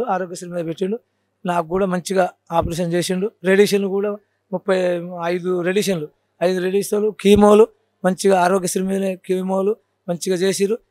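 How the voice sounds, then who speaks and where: A man's voice: high-pitched, no echo. A man with a Telangana Telugu accent, a folk storyteller telling his cancer story in an interview, earnest and repeating his points. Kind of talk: casual interview.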